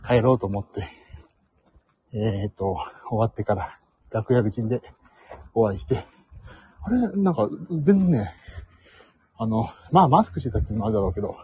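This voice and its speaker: A man hosting a casual live stream on his phone as he walks home, talking quietly and a little out of breath. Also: on the low side, normal speed, pauses often, husky, poor audio. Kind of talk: casual live-stream chat while walking. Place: outdoors, walking home from the station. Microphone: phone mic.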